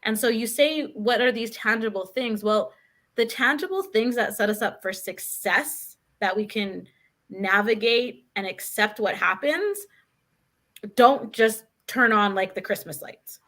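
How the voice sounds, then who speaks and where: Bright, animated woman. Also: fairly high pitch, a little slow. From Canada. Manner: animated, chatty, full of "like" and "right?". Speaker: guest, author. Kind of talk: casual conversational storytelling.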